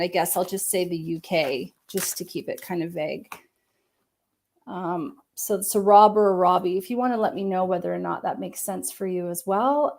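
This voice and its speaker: A woman medium with a mid-range voice and vocal fry does a live-stream reading. She speaks gently and searchingly, hedging with lots of "like" and "um," and sinks into a soft murmur while tuning in.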